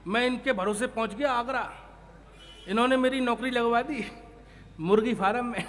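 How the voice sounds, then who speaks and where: A man's voice: very high voice, moderate pace, a bit bright. A man performing comic poetry on stage, chanting sing-song refrains and tossing joking asides to the audience. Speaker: comic poet. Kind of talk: comic verse recital on stage. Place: stage at a live poetry gathering. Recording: echoey hall sound.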